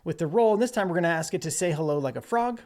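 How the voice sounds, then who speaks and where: A man giving a relaxed screen-recorded coding walkthrough, narrating as he types. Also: on the high side, racing. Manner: relaxed explanatory, narrates while typing. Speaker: developer presenter.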